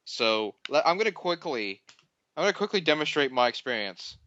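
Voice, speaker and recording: A man's voice: a little high, sing-song, normal speed, sharp tone, dry recording. A young man co-hosting a gaming podcast, chatting with wry, teasing humor. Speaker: podcast co-host. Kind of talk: casual gaming chat. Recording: dull dry lo-fi mic.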